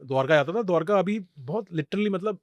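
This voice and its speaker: A middle-aged man from India, guesting on a podcast, tells stories in animated, conversational fashion and often drops English phrases into his Hindi. His voice is high-pitched and a little fast. There's no echo on the recording.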